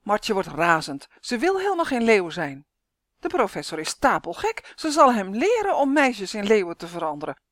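A woman reading a children's story aloud, lively and acting out the characters. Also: mid-range voice, normal speed, no room sound.

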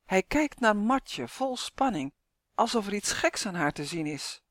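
A woman reading a children's story aloud, lively and acting out the characters. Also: mid-range voice, unhurried, no echo.

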